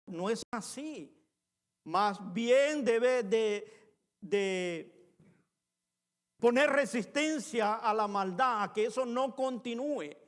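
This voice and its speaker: A male pastor preaching a sermon in a church, talking earnestly and conversationally, weaving in personal stories and addressing the congregation as brothers. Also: high-pitched. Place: church sanctuary. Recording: long hall reverb.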